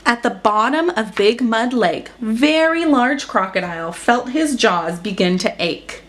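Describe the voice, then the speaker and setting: A woman tells a children's picture book story aloud in a fairly high, fairly bright, expressive voice at a measured pace. She dramatically emphasizes action words throughout her narration. Slight background noise is present.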